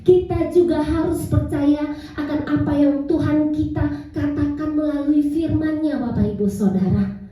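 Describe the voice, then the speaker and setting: High-voiced woman preaching in echoing hall. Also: a little slow, dark tone. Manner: repeatedly addresses congregation, calls for amen. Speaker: pastor. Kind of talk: sermon. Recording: very echoey hall, distant mic.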